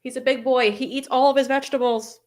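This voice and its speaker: A young woman hosting a live stream, chatting casually and rambling through viewer comments with quick apologetic asides. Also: high-pitched, steady tone. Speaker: host of a political live stream.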